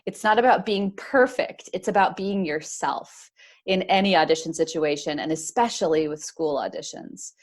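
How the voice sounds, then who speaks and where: A woman's voice: lowish voice, normal speed. A woman hosting a casual panel chat, asking questions and summing up the others' points. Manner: warm moderator, asks and sums up. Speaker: host.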